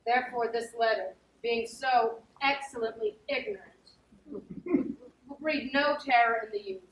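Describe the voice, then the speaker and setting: An actress playing a scheming, boisterous noble lady in a live stage play, brisk, commanding and mocking. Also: a little high, natural voice. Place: theatre stage. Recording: echoey stage from far off, faint ambience.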